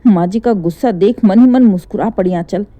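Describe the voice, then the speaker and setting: A woman narrating a scripted family story in an expressive, dramatic way. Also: mid-range voice, fairly quick.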